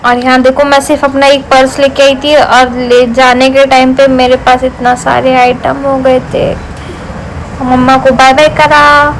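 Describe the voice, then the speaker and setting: A young woman with a high but fairly even voice narrates her family vlog, talking fondly and chattily about the people on screen. A faint hiss of noise sits under the voice-over. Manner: warm, affectionate storytelling about family. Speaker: family vlogger.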